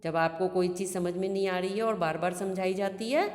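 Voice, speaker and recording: A woman's voice: fairly low pitch, a little fast, darkish tone. A woman teacher giving a recorded grammar lesson, patiently explaining each example twice. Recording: echoey room with long reverb.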